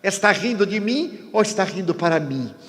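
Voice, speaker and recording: A man's voice: sits high, lively intonation, moderate pace, fairly bright tone, long reverb tail, pitched above the performer's own voice. A man voicing an irritable, pushy man in an airport queue who fires off challenging questions.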